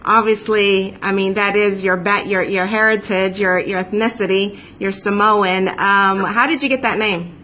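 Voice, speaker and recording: A woman's voice: medium pitch, fairly even intonation, normal speed, hardly any pauses, pushed and bright, slight background noise. A woman hosting a casual live-streamed interview, chatty and upbeat, with many filler ums. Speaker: host.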